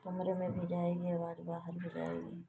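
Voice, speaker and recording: A woman hosts a casual live stream from a balcony outdoors at home, chatting with viewers in a soft, hushed way. Her voice sits fairly low and stays flat, with little rise and fall. The phone recording is noisy behind her. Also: moderate pace, gravelly. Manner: speaks softly and hushed to avoid waking others.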